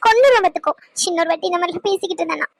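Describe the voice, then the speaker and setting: A woman voicing a tearful, fiercely devoted young female student who scolds fast while crying in a cartoon. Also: extremely high pitch, vocal fry, no room sound. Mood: angry. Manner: scolding, crying, rapid-fire questions. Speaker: voice actor. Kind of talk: cartoon dub acting.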